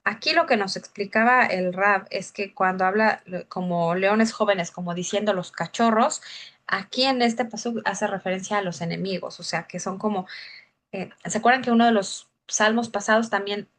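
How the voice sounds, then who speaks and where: A woman's voice: medium pitch, normal speed, fairly bright tone. Woman teacher, reflective Bible study delivery, asks rhetorical questions. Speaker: teacher of Psalms.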